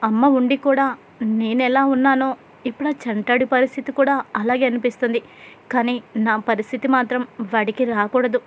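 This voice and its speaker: A woman's voice: fairly high pitch, steady tone, normal speed, close to an everyday voice. A woman voicing a young married man who fires off teasing questions and then speaks earnestly about his own childhood, reading him in her own voice. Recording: dull lo-fi sound.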